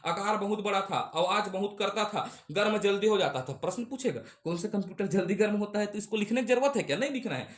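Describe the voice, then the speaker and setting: Man, high-pitched voice, teacher, repetitive drilling, asks and answers his own questions. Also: lively intonation, quick pace, hardly any pauses. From Chhattisgarh. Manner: repetitive call-and-response drilling. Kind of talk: exam-prep computer lecture.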